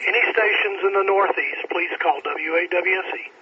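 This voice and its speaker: A man's voice: high-pitched, moderate pace. A man running an amateur radio net as net control, calling for and acknowledging stations over a radio transmission with static. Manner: methodical, procedural call-and-acknowledge delivery. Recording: muffled lo-fi radio with clear static.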